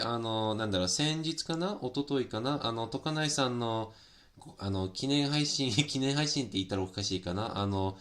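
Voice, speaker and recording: A man's voice: medium pitch, fairly bright tone. A man chatting casually on a live stream while he works on a hobby project, switching between Japanese and English, politely greeting viewers by name. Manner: switches between Japanese and English, many fillers, laughs often.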